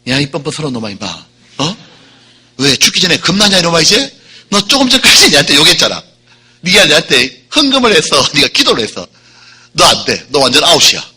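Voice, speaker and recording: A man voicing a gruff figure who scornfully berates a criminal, rough and mocking in a sermon story. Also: a little high, wildly swooping pitch, fairly quick, sharp tone, heavily acted.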